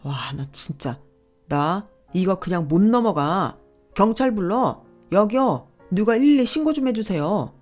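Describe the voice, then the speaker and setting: A greedy, self-important young husband who whines, demands and turns indignant in a Korean drama story, as a woman reader puts him on. The voice sits a little low, with faint music underneath. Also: lively intonation, normal speed, darkish tone, lightly acted. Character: entitled scheming young husband, man.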